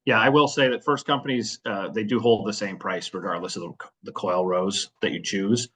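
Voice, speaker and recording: A man's voice: fairly low pitch, fairly even intonation, normal speed, a bit bright, poor audio. A man explaining product selections in a webinar walkthrough, practical and full of fillers.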